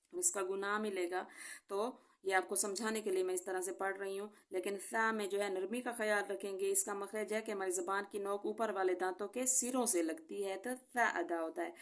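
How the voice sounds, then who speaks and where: A woman teaching a Quran recitation lesson. She explains each sound patiently, then recites the words slowly and clearly. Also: medium pitch.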